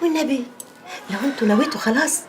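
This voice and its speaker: An actress playing a loud, meddling older aunt who scolds shrilly in an Egyptian accent. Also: female voice, sits high, very fast, a little hiss or hum, natural voice. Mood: scheming. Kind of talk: TV drama acting.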